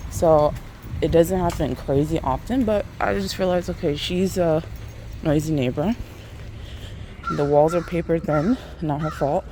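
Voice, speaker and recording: A woman's voice: deep voice, measured pace, low-quality recording. American woman vlogging on a walk, outdoor noise. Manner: talking while out walking; animated retelling, acts out quoted speech. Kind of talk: casual storytelling to viewers.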